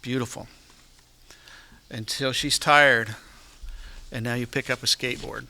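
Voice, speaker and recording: Podcast host guy, gravelly and bright, chatty, asks lots of questions. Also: mid-range voice, steady tone, measured pace. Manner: chatty, prompting questions, rambling asides. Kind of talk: casual interview chat.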